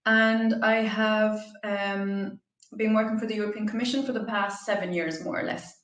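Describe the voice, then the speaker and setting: A woman's voice: medium pitch, fairly even intonation, normal speed, fairly bright tone. Echoey west of Ireland woman. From Galway, Ireland. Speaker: translator, guest speaker. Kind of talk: informal online presentation. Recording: roomy, echoey, distant microphone.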